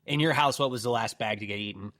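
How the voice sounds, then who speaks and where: A man's voice: lowish voice, fast, fairly bright tone. A man co-hosting a podcast, chatting casually, teasing his friend and swearing now and then. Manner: laughing hard, teasing, swears. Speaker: podcast co-host. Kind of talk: casual chat.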